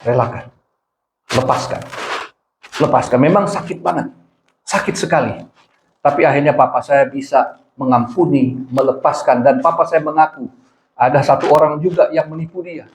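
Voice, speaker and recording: Male pastor, emphatic storyteller, slightly high voice, echoey church hall. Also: normal speed. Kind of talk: sermon.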